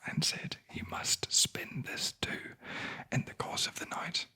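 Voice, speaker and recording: A sleep story narrator whispering a fairy tale in a breathy ASMR voice, with dry, wry asides. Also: slow pace. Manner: wry, deadpan commenting on the story.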